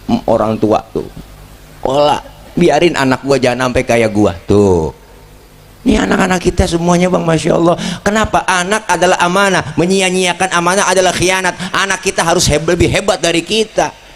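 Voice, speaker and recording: This is a man preaching a joking sermon, lively and talking directly to his audience. He speaks fairly quickly at a fairly high pitch.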